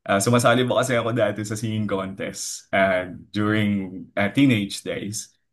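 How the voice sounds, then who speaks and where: A man in his thirties from the Philippines with a deep baritone, giving an earnest devotional testimony with many fillers. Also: flat delivery, normal speed. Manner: earnest, mixes English into his talk, frequent fillers and "po". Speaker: lay preacher giving a testimony.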